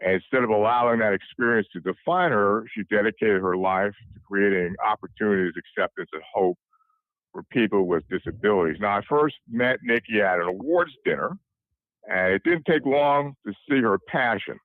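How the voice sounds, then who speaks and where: A man hosting a podcast interview, introducing his guest in a warm, halting way with many fillers. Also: lowish voice, no echo, phone-quality sound. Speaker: interview host.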